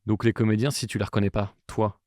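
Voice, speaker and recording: A man's voice: on the low side, little pitch movement, fast talker, a little mellow, dry recording, clean studio sound. A man hosting a casual interview, talking through his thoughts with many fillers and restarts. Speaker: podcast host.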